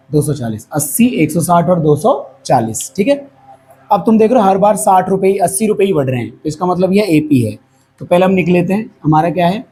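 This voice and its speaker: On a low-quality recording with faint background noise, a male maths teacher with a hoarse, warm, somewhat high voice leads a whiteboard lesson. He's patient, repeatedly asking questions and answering them on his own.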